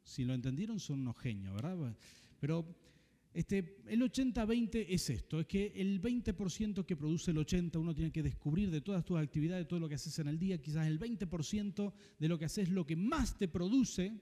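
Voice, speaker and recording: A man with a Rioplatense accent preaches in an animated way, acting out the voices he quotes. His voice sits fairly high and sounds mellow. It rings with the long reverb of a big hall. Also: moderate pace. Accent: Rioplatense Spanish. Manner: animated, acts out quoted voices, asks the congregation questions. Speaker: pastor. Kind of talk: sermon.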